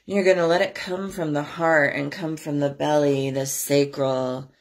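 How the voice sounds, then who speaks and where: A woman teaching a spiritual class, talking in a chatty, rambling way and leading slow, steady chants, her voice stuffy and scratchy from a cold. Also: sits low. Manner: chatty, rambling asides with soft laughs.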